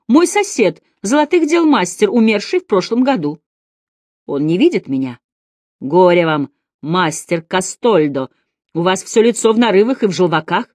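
A woman's voice: medium pitch, expressive, moderate pace, a little mellow, dry recording, studio quality, close to an everyday voice. A woman reading a frantic older male goldsmith who cries out in dread at his visions. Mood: excited.

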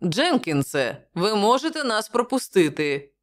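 A woman's voice: mid-range voice, big pitch swings, measured pace, pitched above the performer's own voice. A woman voicing a jovial, wry male journalist who talks in a bantering way.

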